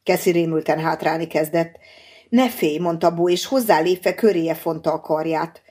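Husky, low-voiced woman narrating a novel. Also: steady tone, a little mellow. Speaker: audiobook narrator. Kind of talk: scripted audiobook narration.

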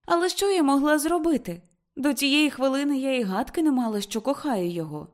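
A tremulous young woman in love pours out her feelings in a raised, pleading voice, as a woman reads her part in an audiobook. Her speech comes high, excited and shaky. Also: a little fast.

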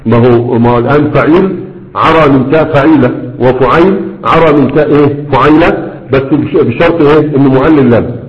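A man with an Egyptian Arabic accent leads a grammar lesson at a mid pitch, reading verses slowly before explaining them in a chatty way. He keeps asking his students questions to check they follow. The recording is dull and lo-fi, with a roomy echo around his voice. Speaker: grammar teacher. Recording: dull, echoey classroom recording.

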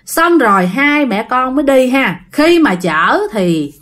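A woman's voice: sits high, very animated, takes it slowly, fairly bright tone. A woman with a Southern Vietnamese accent telling a ghost story in a chatty, casual way and talking straight to her listeners. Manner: chatty, addresses listeners directly.

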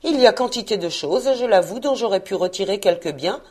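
A woman voicing a cheerful, earnest young man who pleads warmly and eagerly. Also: medium pitch, lively intonation, brisk, husky.

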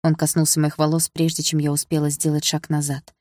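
Low-voiced woman reading first-person prose. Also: completely flat delivery, fairly quick, a little mellow, dry recording, clean studio sound. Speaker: audiobook narrator. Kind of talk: first-person scripted narration.

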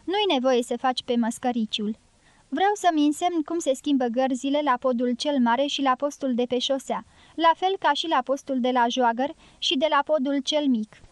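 A woman's voice: sits high, dry recording, lightly acted. Woman reading a stern, commanding man. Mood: instructing, firm. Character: stern, serious American man giving orders.

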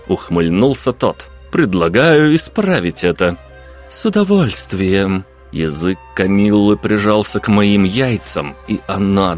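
A man giving a steady, even first-person audiobook narration. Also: on the low side.

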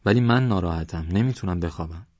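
Guy reading a chill young guy calming someone down, deep voice, dry dull sound. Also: no echo. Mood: reassuring. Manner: calm and reassuring. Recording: dry, slightly dull recording.

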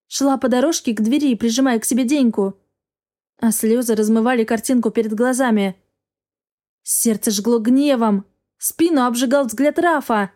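A woman reading a first-person novel aloud as an audiobook, with an emotional, expressive delivery. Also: a little high. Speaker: audiobook reader.

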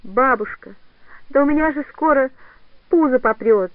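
A man's voice: very high voice, lively intonation, unhurried, no echo. A man voicing a grieving, desperate young village woman who pleads and cries out in a story reading. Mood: desperate pleading. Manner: pleading, sobbing outbursts. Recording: tinny phone-like sound, dry.

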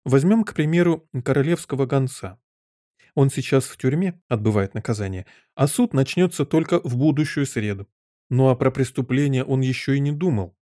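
A man's voice: mid-range voice, moderate pace, dark tone, no echo, clean studio sound, close to an everyday voice. A man voicing a fussy, flustered elderly queen in an audiobook, given to wailing and crying out. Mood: airy, knowing. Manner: wails and cries out, fretful.

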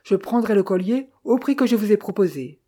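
A woman's voice: medium pitch, animated, fairly quick, dark tone, breathy edge. A woman reading the lines of a blunt, dismissive older businessman in an audiobook. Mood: curt. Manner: curt, dismissive.

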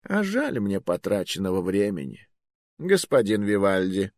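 A man's voice: fairly low pitch, sing-song, a little slow, vocal fry, a little mellow, no room sound, exaggerated voice. A man voicing an old male wizard magister who is genial, polite and coolly ruthless, with a drawling manner. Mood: mildly cruel. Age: older. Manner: drawling, mild and polite while ordering deaths.

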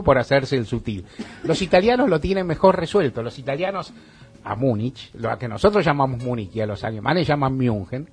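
A man's voice: a little high, darkish tone, slightly rough. A man hosting a radio talk show in Argentine Spanish, musing in a wry, ironic way and chuckling as he talks. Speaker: radio host. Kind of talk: casual radio monologue.

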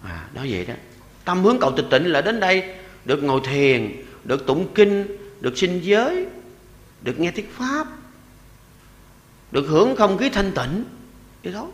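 A man in his sixties, a Buddhist monk with a Southern Vietnamese accent, giving a sermon. He jokes and chuckles often, and slows down to recite verses and repeated chants. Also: sits high, roomy sound, in a large hall. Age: 60s. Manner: lively and joking, often chuckling.

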